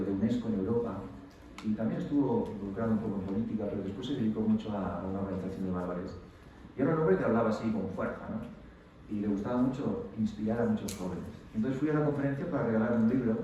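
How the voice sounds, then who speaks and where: A man with an accent from Spain gives a motivational talk to students in a large lecture hall, animated and given to acting out quoted voices. His voice is mellow and dark in tone. He sounds distant from the mic, with heavy echo and a dull, lo-fi sound. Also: fairly low pitch, a little hiss or hum. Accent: Spanish from Spain. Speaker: guest lecturer.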